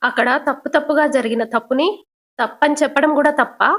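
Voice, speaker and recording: A woman's voice: high-pitched, fairly even intonation, fast, a bit bright. Woman voicing a sarcastic young husband. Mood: mocking. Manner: mocking, teasing jabs.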